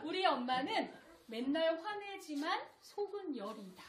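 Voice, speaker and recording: A woman's voice: very high-pitched, lively intonation, a little slow. A woman giving a parenting lecture to adoptive parents. She acts out the lines of parents and children and laughs often. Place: lecture hall with audience. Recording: echoey hall with audience.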